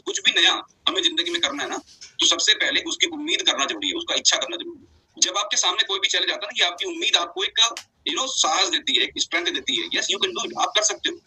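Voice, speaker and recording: Fast, animated man giving a pep talk. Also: sits high, husky, low-quality recording. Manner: animated, mixes English phrases into Hindi. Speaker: motivational speaker at a wellness club. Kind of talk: motivational talk to a group.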